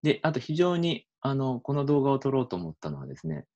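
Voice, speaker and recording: A male linguistics researcher giving a relaxed explanatory lecture for a video and thinking aloud with plenty of fillers. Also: mid-range voice, a little fast, highs cut off.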